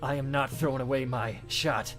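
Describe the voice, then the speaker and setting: A man's voice: mid-range voice, normal speed, over music, lightly acted. A man voicing a dramatic, exasperated cartoon hedgehog antihero in a comic reading. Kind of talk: comic live storybook-style reading in character.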